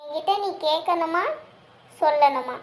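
A woman acts out a gentle, troubled older sister in a cartoon, speaking softly with worry. Her voice sits high and light. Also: measured pace, a little hiss or hum. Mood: worried. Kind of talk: cartoon voice acting.

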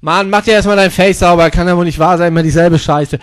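A man performing a crude comedy sketch, hurling insults and mixing English words into his talk, with catchphrases stretched into drawn-out yells. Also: high voice, steady tone, clear, resonant tone. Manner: repeats catchphrases in a drawn-out yell.

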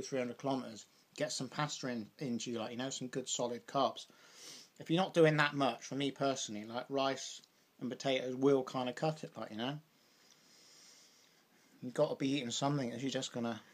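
A young British man vlogging over a meal, rambling casually with lots of "like" and "you know". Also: mid-range voice. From Britain. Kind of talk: casual chat while eating.

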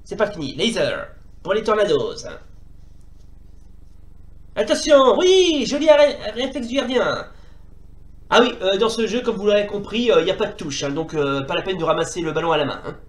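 A man from France giving casual gameplay commentary, switching into excitable mock sports-caster calls and swearing at his goalkeeper. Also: high-pitched, moderate pace, long pauses, reverberant. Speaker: retro gaming YouTuber.

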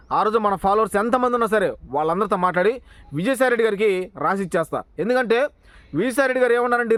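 Man, political commentator, rapid-fire confrontational rant, high voice, dry close sound. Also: fairly bright tone, no room sound. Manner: confrontational, addresses the target directly with rhetorical questions. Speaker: political commentator, channel owner. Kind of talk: heated political monologue.

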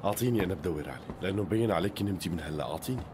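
A man's voice: sits low, lively intonation, rapid-fire, background noise. An actor dubbing a teasing, attentive doctor in his thirties in a TV drama, with a Syrian accent. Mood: gently teasing. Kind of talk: dubbed TV drama dialogue.

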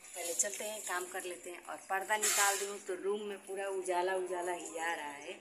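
A woman's voice: on the low side, steady tone, normal speed, over a noisy crowd. A young woman talking casually to her viewers in a daily home vlog, showing her rooms on a phone camera. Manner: chatty, talks straight to viewers while showing her home. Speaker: vlogger. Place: emptied rented room at home, echoing. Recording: echoey empty room, noisy phone audio.

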